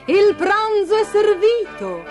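A woman's voice: extremely high pitch, sing-song, slow pace, darkish tone, soft background music, voice pushed up, full character voice. A woman voicing a sly, coaxing male cat who wears boots, with a hissing edge in a storybook reading. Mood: grand.

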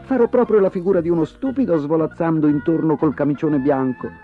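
A man voicing a rude, defiant boy in a storybook reading, with a high, strained childish voice and an insolent manner. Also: a little fast, faint music behind, natural voice. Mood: grumbling. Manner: shouting, insolent. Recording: dry, tinny phone-like sound.

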